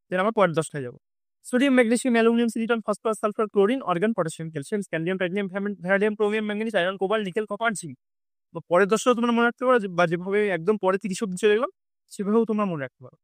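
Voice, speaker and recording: Fast, high-voiced tutor drilling facts. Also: male voice, no room sound. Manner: drilling, repeats lists at speed with frequent "ঠিক আছে?" checks. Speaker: exam coaching teacher. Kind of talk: recorded online lesson.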